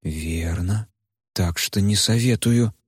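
A man voicing a protective male fire spirit in a measured, steady way. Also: lowish voice, breathy edge, no room sound, clean studio sound. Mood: exasperated. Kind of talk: audiobook character voice.

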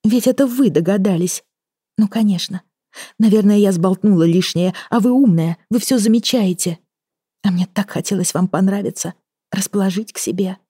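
Brief: female narrator voicing young woman confessing, breathless, pleading, pitched up. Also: moderate pace, mellow, husky, no room sound, clean studio sound, close to an everyday voice. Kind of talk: audiobook reading.

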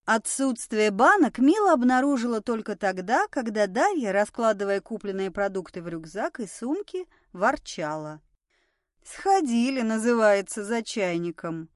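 A woman narrating an audiobook in an expressive, lively reading voice. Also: on the high side, normal speed, few pauses, no echo, studio quality.

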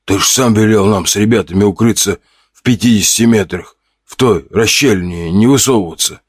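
A man's voice: on the low side, a little fast, breathy edge, no echo, clean studio sound. A man doing a whiny defensive bandit. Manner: defensive, colloquial.

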